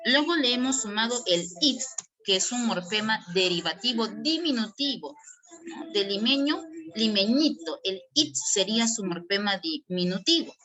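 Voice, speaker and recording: A woman's voice: mid-range voice, sharp tone. A woman giving an online language lesson as a teacher, asking and answering her own questions as she explains.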